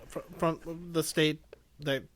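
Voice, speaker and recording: A man's voice: a little high, level tone, slow, clean tone. A man co-hosting a podcast who drops dry, wry one-liners during casual chat. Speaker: podcast co-host.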